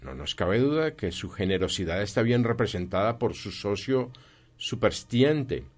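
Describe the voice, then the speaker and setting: A man doing a courteous, formal gentleman. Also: lowish voice, lively intonation, moderate pace. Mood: polite. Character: polite, stout male gentleman collecting for charity. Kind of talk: audiobook reading.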